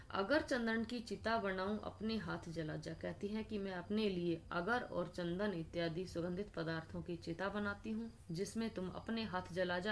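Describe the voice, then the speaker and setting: A woman's voice: lowish voice, a little hiss or hum. A woman teacher reciting devotional verses line by line, then explaining each word in a patient lecture. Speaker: Hindi literature teacher. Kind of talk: line-by-line poetry explanation lesson.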